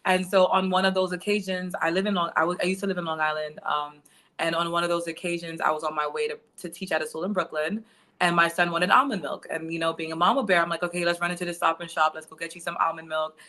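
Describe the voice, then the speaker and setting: A woman's voice: lowish voice, little pitch movement, quick pace, pushed and bright. A woman in her thirties, a financial educator, chatting as a guest in an interview and telling stories with many fillers. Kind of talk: casual interview storytelling.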